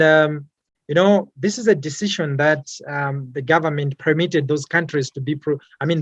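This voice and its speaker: A man's voice: on the high side, no echo, highs cut off. A young man from Malawi, an environmental activist, answering interview questions hesitantly, with many fillers and repeated words.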